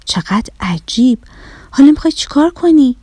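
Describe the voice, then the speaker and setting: A woman voicing a patient adult listener in a children's story, asking calm, drawn-out questions. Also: sits high, dry recording. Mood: curious.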